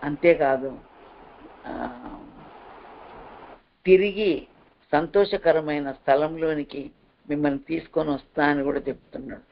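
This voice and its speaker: A man's voice: fairly high pitch, measured pace, gravelly, pauses often, dull audio. A man preaching a sermon, earnest and repetitive as he exhorts his listeners.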